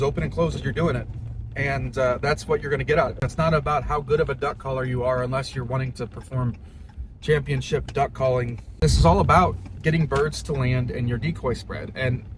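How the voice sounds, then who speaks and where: Young man, mid-pitched voice, casual how-to delivery, informal and plain-spoken, clear car and background noise. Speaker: hobby duck caller giving a tutorial. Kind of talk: casual how-to talk to camera. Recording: noisy, with car and ambient noise.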